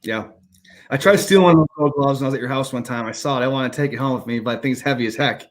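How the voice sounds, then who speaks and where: A man hosting a casual interview, a former ball player who tells stories in an animated, joking way. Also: medium pitch. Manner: animated, quick storyteller, joking.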